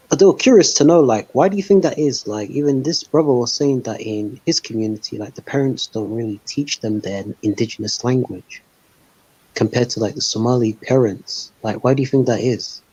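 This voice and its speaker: A man's voice: medium pitch, fairly quick, darkish tone, husky. A man hosting a casual online panel, rambling with lots of "like" and "um". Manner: rambling, heavy use of "like" and "um". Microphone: voice call over a live stream. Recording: dull lo-fi stream call audio.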